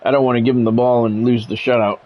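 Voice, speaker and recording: An American streamer with a mid-range voice and little pitch movement talks fast, calling football plays in his own game and chatting casually. He's a former radio sports play-by-play announcer, and the recording's highs are cut off.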